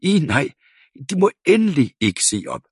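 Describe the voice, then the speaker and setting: A man voicing a shrill, fussy middle-aged woman neighbour in an audiobook, scolding at full voice. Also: sing-song, breathy edge, dry recording, clean studio sound, heavily acted. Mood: shrieking. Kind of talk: audiobook character voice.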